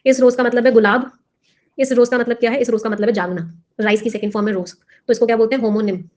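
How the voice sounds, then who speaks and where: A woman's voice: on the high side, fairly even intonation, fast talker, a little mellow, dull audio. Quizzing woman teacher. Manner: explains in Hindi mixed with English, quizzing students. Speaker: English teacher for exam prep. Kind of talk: classroom lesson.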